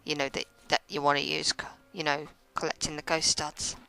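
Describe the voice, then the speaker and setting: A woman's voice: deep voice, flat delivery, fairly quick, creaky, sharp tone, slight background noise, low-quality recording. A woman giving casual commentary over a video game, often stumbling over her words and poking fun at herself. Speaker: let's play commentator.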